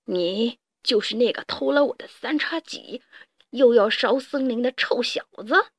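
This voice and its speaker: A woman's voice: fairly high pitch, a little slow, fairly bright tone, dry recording, studio quality. A woman voicing a boastful, bullying old male field-mouse gang boss in a storybook reading. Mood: menacing. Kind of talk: storybook character voice.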